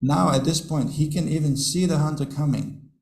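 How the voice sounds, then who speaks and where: A man leads a devotional scripture class in a temple hall, weaving in stories for his audience while frequently chuckling and repeating himself. His fairly high, slightly mellow voice has vocal fry and a normal speed, and the poor recording is roomy with a little hiss or hum.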